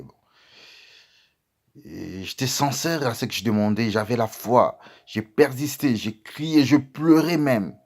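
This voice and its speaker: A man preaching as a pastor, telling a testimony to his listeners and calling them beloved, with sudden loud outbursts and quiet asides. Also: on the low side. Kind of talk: sermon testimony.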